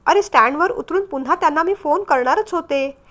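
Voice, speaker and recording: A woman's voice: high voice, brisk. Woman voicing a hurt, restrained young wife. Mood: sharp. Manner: subdued, then sharp and defensive.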